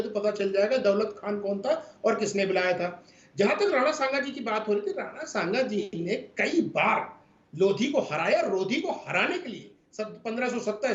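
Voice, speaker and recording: A man arguing hard as a panelist in a TV debate, repeating his points with force. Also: very high-pitched. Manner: forceful, repetitive, emphatic. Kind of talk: heated political argument. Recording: roomy, dull remote feed.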